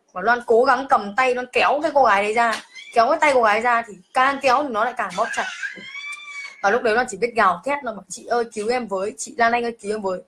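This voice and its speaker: A woman's voice: on the high side, a bit bright. A young woman, emotionally telling her own ghost story on a live stream and calling herself by name. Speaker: livestreamer. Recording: faint background noise.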